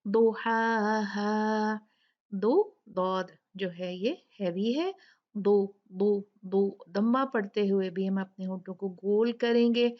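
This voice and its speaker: Slow-spoken woman teaching Quran recitation. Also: medium pitch, lo-fi sound. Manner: explains rules, then recites words very slowly and drawn out. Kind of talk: tajweed lesson with slow demonstration recitation.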